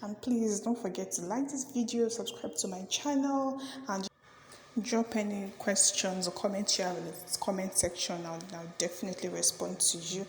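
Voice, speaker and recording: A woman's voice: medium pitch, fairly even intonation, moderate pace, a little hiss or hum. A young woman vlogger talking casually to camera about her sewing project, chatty and effusive, urging viewers to like and subscribe. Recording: echoey room with long reverb.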